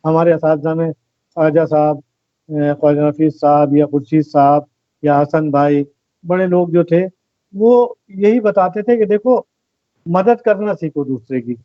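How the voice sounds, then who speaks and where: A man with a notably high voice talks earnestly as an interview guest, reflecting and illustrating his points with examples. The sound is dry and close, with a slightly dull, muffled tone. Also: measured pace, no echo. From Pakistan. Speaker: guest, volunteer organizer. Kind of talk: conversational interview talk.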